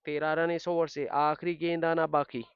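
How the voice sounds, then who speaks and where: Male cricket commentator, excited, crisp high voice. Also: moderate pace, no echo, highs cut off. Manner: excited on big shots.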